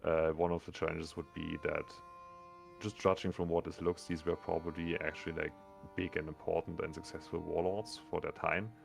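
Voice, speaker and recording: Man game master, extremely deep, gravelly, flat delivery, soft music behind. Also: normal speed. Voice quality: gravelly, low sonorous voice. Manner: rambling, many fillers. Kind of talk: narrating a tabletop game.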